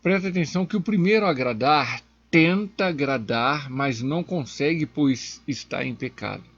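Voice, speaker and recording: A man teaching from the Bible as a deacon, speaking slowly and emphatically and pushing his voice up on key words. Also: a little high, fairly bright tone, lo-fi sound. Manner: slow, emphatic, rising sharply on key words.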